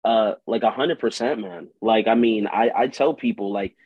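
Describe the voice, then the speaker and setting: Lowish guy chatting in an interview, slangy and loose, dry dull lo-fi sound. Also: normal speed, husky, dry recording. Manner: slangy, loose, heavy use of "like". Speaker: interview guest, musician and writer. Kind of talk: casual conversational interview talk. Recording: dull lo-fi close dry audio.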